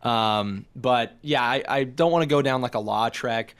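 A man's voice: medium pitch, unhurried, a bit bright, clean tone. A young man in college chatting casually and earnestly, rambling with fillers. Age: young adult. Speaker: college student guest. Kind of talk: casual podcast panel chat.

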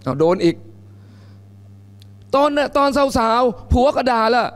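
A man giving a lively, joking Quran commentary lecture in a mosque, acting out mothers and babies as he talks. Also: very high voice, slow pace. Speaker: Islamic lecturer. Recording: reverberant mosque hall.

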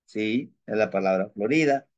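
A man's voice: fairly low pitch, moderate pace, no room sound. A man teaching a class, patient and repetitive, often checking in with his listeners. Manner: patient, repeats words and checks in with "¿no?". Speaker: language teacher. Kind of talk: online class lecture.

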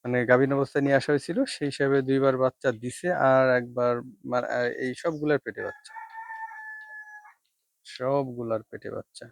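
A man in the middle of his own goat shed talks in a hushed, easy way, with a gravelly edge to a voice of ordinary pitch. The sound is dry and close, as if from a handheld phone. His tone is casual and explanatory, like a farmer showing viewers around. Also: fairly even intonation, brisk, pauses often, dry recording. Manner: speaks softly to avoid waking the goats. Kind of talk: casual farm vlog, walking commentary.

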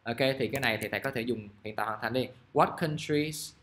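A man, teaching English grammar in a casual, chatty way and reading example sentences out slowly. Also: medium pitch, fairly even intonation, sharp tone, slight background noise. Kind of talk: casual classroom explanation. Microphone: recording device at his desk.

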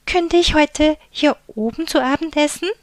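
A woman voicing a small, eager young bear cub in a storybook, with high, bright, childlike calls. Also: normal speed, no room sound, close to an everyday voice. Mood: eager pleading.

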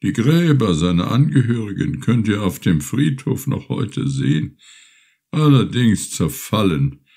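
A man voicing a bent, frightened very old male villager who asks slow, halting questions. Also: fairly low pitch, big pitch swings, creaky, a little mellow, breathy edge, pitched above the performer's own voice, full character voice.

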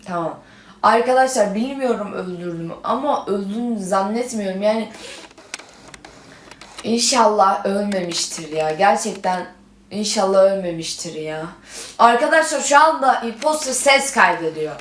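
A woman's voice: mid-range voice, normal speed. A woman YouTuber talking in a dramatic, indignant way, reading chat messages aloud. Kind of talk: dramatic gaming vlog. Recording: roomy echo.

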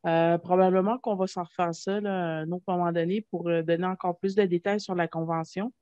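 A woman's voice: lowish voice, steady tone, a little fast, warm tone, dry recording. A woman with a Québécois French accent hosting a video-call interview, talking hesitantly with fillers and restarts. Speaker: host. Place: small room at home. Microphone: desk microphone. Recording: dull lo-fi video call audio.

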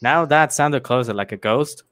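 A young man chatting casually on a livestream, relaxed and amused. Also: medium pitch, normal speed, no echo. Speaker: livestream host.

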